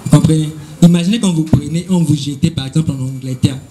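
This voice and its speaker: A man's voice: fairly high pitch, fast, over music, low-quality recording. A man with a Congolese French accent answering questions at a school event, explaining at length and switching between Latin and French with frequent hesitations.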